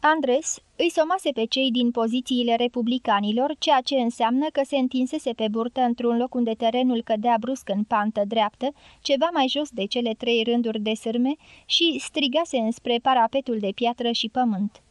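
A woman narrates a novel in a calm, measured audiobook reading. Her voice is high, and the recording is close and dry with no room echo. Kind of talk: scripted narration.

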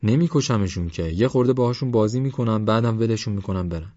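A man's voice: on the low side, no echo, pitched above the performer's own voice, close to an everyday voice. A man voicing a reckless, playful young villager who brags about catching snakes, in a dull, dry recording. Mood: boastful. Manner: playful, boastful, excitable.

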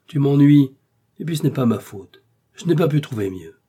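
A man voicing a sulky, vain gentleman in an audiobook, irritable and peevish. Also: mid-range voice, lively intonation, moderate pace, breathy edge, voice pushed up. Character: sulky, vain gentleman host, easily bored. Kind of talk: audiobook character reading.

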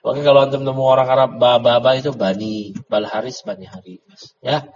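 Quizzing his students and cracking joking asides, a middle-aged man teaches Arabic grammar in a relaxed, talkative style. He has a mid-range, darkish voice with fairly even intonation and a moderate pace. The audio is dull and lo-fi, carrying long reverb and faint noise.

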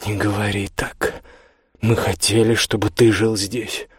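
A man's voice: on the low side, flat delivery, unhurried, slightly rough, no room sound, clean studio sound. A man voicing a frantic young woman who pleads and fights back tears. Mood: urgent. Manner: pleading, tearful, breaking into cries. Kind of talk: audiobook character voice.

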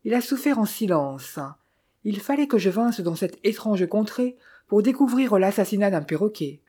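A woman reading the lines of a small, courteous older male detective in formal, measured speech. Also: medium pitch, animated, warm tone, slightly rough.

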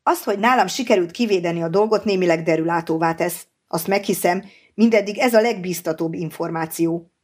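A cautious scientist explains himself in measured, careful sentences, read by a woman. He sounds like a middle-aged man who is thinking ahead, in a slightly low voice. It is a plain audiobook reading. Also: close to an everyday voice.

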